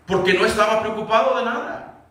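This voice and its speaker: High bright-voiced pastor in echoing hall. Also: male voice, brisk. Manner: asks the congregation repeated rhetorical questions. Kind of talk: sermon. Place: church sanctuary. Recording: echoey church hall, mic at a distance.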